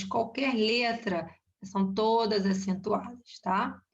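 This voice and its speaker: Brazilian woman teaching a grammar lesson. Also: medium pitch. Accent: Brazilian Portuguese. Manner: explanatory, checks in with frequent "tá?" and "ok?". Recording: dull lo-fi recording.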